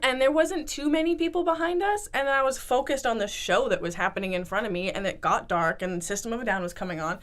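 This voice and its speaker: A woman co-hosting a podcast, telling an animated festival story in casual chat and swearing freely. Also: on the high side, fast, hardly any pauses. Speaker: podcast co-host.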